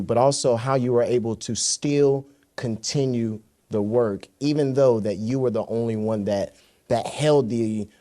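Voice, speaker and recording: A man in his thirties from Florida, United States, moderates a panel conversationally, opening with meandering, anecdotal lead-ins. His voice is mid-range and mellow.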